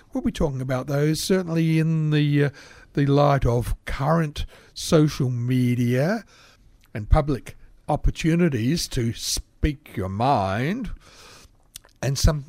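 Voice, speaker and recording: Brief: slightly croaky male radio host, lively fairly high voice, dry studio sound. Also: no room sound. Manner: lively, chatty, rambling introductions. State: a little croaky. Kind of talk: community radio talk show.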